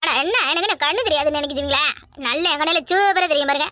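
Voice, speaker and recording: A woman voicing a boastful, tipsy old mother-in-law in a cartoon, loud, scolding and sing-song. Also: sits high, very fast, dry recording, studio quality. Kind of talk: cartoon voice acting.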